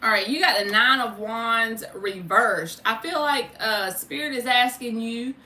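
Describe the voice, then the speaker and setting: A bright-voiced woman, a little high and measured in pace, hosts a casual tarot livestream, chatting informally, calling viewers by name, and swearing mildly while giving spiritual readings. The mic is distant, so the sound is roomy with faint noise.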